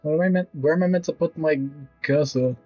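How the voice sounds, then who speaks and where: A man's voice: fairly high pitch, a little fast, lo-fi sound, faint music behind. A man in his twenties streaming a video game, talking casually with blunt, rambling commentary and casual swearing. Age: 20s.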